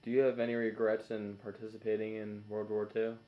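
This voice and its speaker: A man's voice: on the low side, completely flat delivery, fairly quick. A man working as an interviewer, reading out questions. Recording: slightly dull, lo-fi sound.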